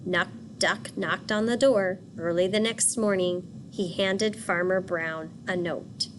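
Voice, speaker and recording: A woman teacher reading a picture book aloud and pausing to ask children questions. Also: medium pitch, steady tone, a little hiss or hum. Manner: patient, asks questions for children.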